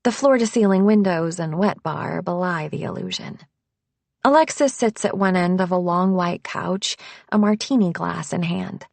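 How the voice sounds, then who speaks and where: A woman narrating an audiobook in first person, reading at a measured, even pace. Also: fairly low pitch, vocal fry, no room sound.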